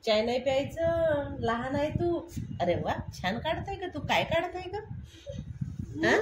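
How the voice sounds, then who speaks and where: A woman's voice: sits high, expressive, unhurried. A woman chatting playfully with a small child, asking coaxing questions and laughing often. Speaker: vlogger filming a child. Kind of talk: casual chat with a child. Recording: echoey room, faint noise.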